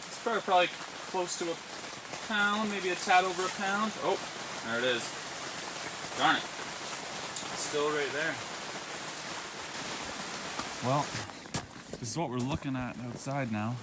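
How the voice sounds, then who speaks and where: A man's voice: a little high, normal speed, long pauses. A man giving casual, slangy fishing vlog commentary in a laid-back way, recorded on location. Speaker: fishing vlogger. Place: inside an ice fishing tent and outdoors on a lake. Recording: noisy outdoor ice fishing recording.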